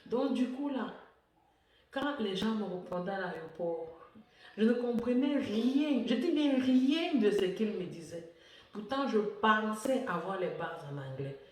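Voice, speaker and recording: A woman's voice: medium pitch, lively intonation, measured pace, darkish tone. Chatty woman, echoey and far off. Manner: chatty, repeats words, laughs often. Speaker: vlogger. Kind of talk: casual personal vlog talk. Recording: echoey room, far from the mic.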